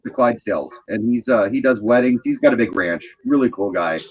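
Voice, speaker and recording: A slightly dull, lo-fi recording of a man at a middle pitch. He chats casually on a live stream with a wry, joking manner. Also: fairly quick, husky. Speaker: livestream participant.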